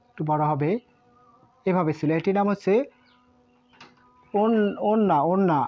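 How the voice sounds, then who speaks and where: Patient woman teaching kanji. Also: medium pitch. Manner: patient and repetitive, drills each word several times. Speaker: Japanese language teacher. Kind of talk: kanji lesson explained in Bengali. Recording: muffled lo-fi sound.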